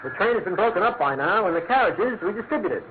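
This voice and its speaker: An actor playing a dutiful, matter-of-fact police inspector in a classic radio drama, speaking deferentially. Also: male voice, high-pitched, animated, fast, noisy background. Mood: deferential, firm. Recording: tinny vintage radio, music underneath.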